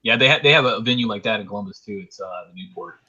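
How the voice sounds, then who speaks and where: Bright-toned man joking on a muffled mic. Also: fairly low pitch, breathy edge. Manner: joking, quick interjections. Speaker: podcast co-host. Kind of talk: casual chat.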